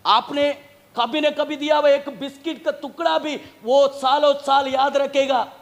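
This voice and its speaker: A male pastor preaching a sermon. He repeats phrases, questions the congregation, and swings from loud outbursts to low asides. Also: level tone, unhurried, gravelly. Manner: questions the congregation and tells them to read aloud.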